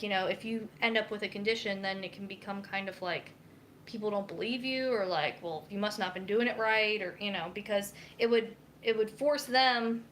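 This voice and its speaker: On a live cooking stream from her home kitchen, a young dietitian speaks with a medium-pitched, fairly bright voice. She chats casually and reads viewer comments while chopping vegetables, with slight background noise.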